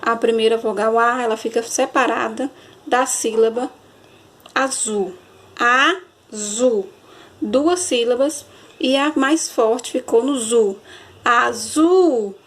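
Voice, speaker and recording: A woman teacher, giving a recorded grammar lesson and often checking understanding with a quick question. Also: fairly high pitch, fairly even intonation. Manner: explanatory, checks understanding with frequent "certo?"; stretches and stresses example words slowly.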